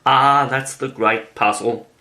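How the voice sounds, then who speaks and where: A man's voice: medium pitch, steady tone, slow pace, pushed and bright. A man reading the part of a curious young girl who talks to herself in wonder. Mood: puzzled. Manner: musing aloud to herself.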